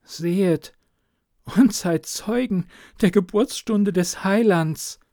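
A man voicing an excitable young female TV reporter, pleading and breathless. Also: slow pace, dry recording, studio quality. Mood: awed. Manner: breathless, pleading, high-pitched.

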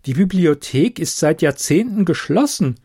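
A man voicing Loreen, a skeptical, sharp-tongued young girl, in a raised, higher voice. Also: big pitch swings, moderate pace, slightly rough, heavily acted.

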